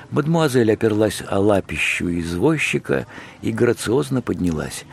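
A man's voice: lowish voice, vocal fry, slight background noise. A man narrating a dramatic story from a script.

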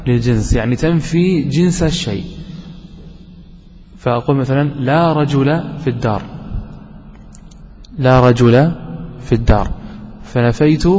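A man's voice: medium pitch, a little mellow. Man teaching grammar in an echoey hall. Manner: asks questions and answers them himself, repeats key words. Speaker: sheikh teaching Arabic grammar. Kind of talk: classroom lesson explanation. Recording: dull lo-fi recording with long hall reverb.

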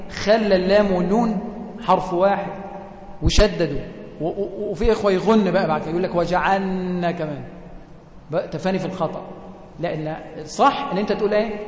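Egyptian male tajweed teacher, high-pitched, chants examples slowly, echoey hall. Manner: asks the class rhetorical questions and answers them himself; slows to a drawn-out chant for recited examples. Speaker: Quran recitation teacher. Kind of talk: tajweed lesson.

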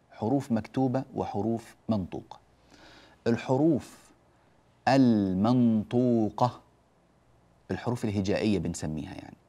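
A man gives a tajweed lesson in a dark, mellow voice. He speaks slowly and repeats each example phrase over and over. He writes on a board as he teaches. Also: mid-range voice. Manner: slow, repeats example phrases several times. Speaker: Quran recitation teacher. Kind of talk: lecture on tajweed rules.

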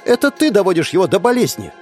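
A man's voice: quick pace, over music, close to an everyday voice. A man reading a storybook, voicing a bitter forty-year-old wife who hurls accusations in a raised, strained voice. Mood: shrill, accusing. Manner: accusing, high-pitched outbursts.

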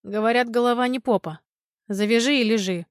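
A woman reading a book aloud, voicing a calm, gruff village man who talks curtly and mocks a little. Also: on the high side, a little fast, no echo, natural voice. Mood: dry. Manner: curt, dry, mildly mocking.

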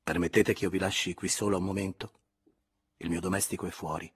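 A man's voice: sits low, level tone, fairly quick, slightly rough. A man reading aloud and voicing a passionate young lover with a hard, clipped delivery. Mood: subdued. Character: young man, passionate and harsh, then bitter.

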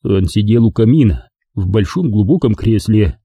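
Dark, husky male audiobook narrator. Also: fairly low pitch, normal speed, no echo, highs cut off. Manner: expressive storytelling.

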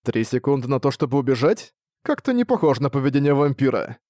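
A man's voice: mid-range voice, sing-song, quick pace, a little mellow, no room sound, clean studio sound, natural voice. A man voicing a wary young adventurer hero in an audiobook, wry and muttering his thoughts. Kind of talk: audiobook reading.

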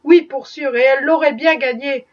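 A woman's voice: high-pitched, fairly even intonation, moderate pace, close to an everyday voice. A woman reading aloud, voicing an indignant, outspoken young housemaid. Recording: dull distant recording.

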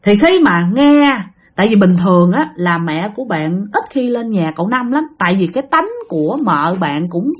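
A woman's voice: medium pitch, sing-song, normal speed. Chatty woman storyteller. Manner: chatty, addresses listeners directly. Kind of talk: ghost story narration.

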